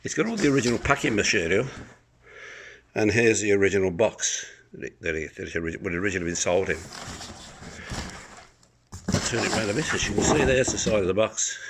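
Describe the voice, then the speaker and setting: Speaking a little fast with frequent pauses, this man has a lowish, somewhat bright, expressive voice, and a faint hiss or hum sits under the audio. He's a private seller rambling hesitantly through an unscripted demo of an item, filming on a handheld phone in his apartment's living room.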